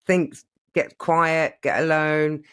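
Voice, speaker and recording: A man's voice: fairly high pitch, fairly even intonation, slow, fairly bright tone, smooth. A man co-hosting a casual podcast chat, wry and philosophical, with self-mocking asides. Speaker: podcast co-host.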